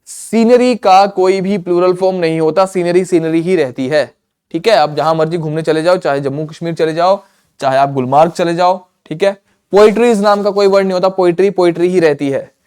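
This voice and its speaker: A man teaching English grammar in an exam-prep lesson, mixing Hindi and English and slowing down on English examples. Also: high voice, a little mellow, clear, resonant tone. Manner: explains in Hindi mixed with English, slows down for English examples; repeats words and checks in with "theek hai".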